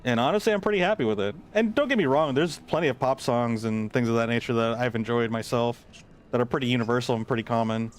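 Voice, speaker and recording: A man's voice: mid-range voice, fast, a little hiss or hum. A man streaming a game, chatting casually and rambling with lots of fillers. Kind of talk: casual gameplay chat.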